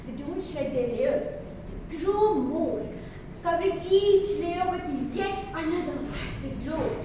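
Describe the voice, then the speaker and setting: A teenage girl delivers a rehearsed motivational competition speech with theatrical emphasis and dramatic pauses. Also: very high-pitched. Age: teens. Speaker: student declamation contestant. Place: large echoey indoor hall. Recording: very echoey hall, distant mic, noisy.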